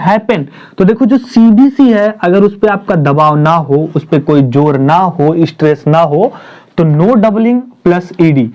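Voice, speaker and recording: Man, high mellow voice, grammar teacher, repetitive question-and-answer delivery, dull lo-fi sound. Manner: repeats points, asks and answers his own questions; spells out terms slowly, stresses syllables. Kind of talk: Hindi classroom-style grammar lesson. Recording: dull lo-fi recording.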